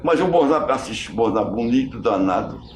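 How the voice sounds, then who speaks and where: An older man, recounting what he saw in quick, halting bursts full of restarts. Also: mid-range voice, expressive, slight background noise. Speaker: eyewitness interviewee. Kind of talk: storytelling recollection. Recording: roomy echo.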